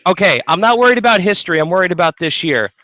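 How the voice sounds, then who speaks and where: A man's voice: high voice, lively intonation, racing, sharp tone, no echo, low-quality recording. A man in a heated, casual fantasy football argument, interrupting and swearing freely. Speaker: fantasy league player.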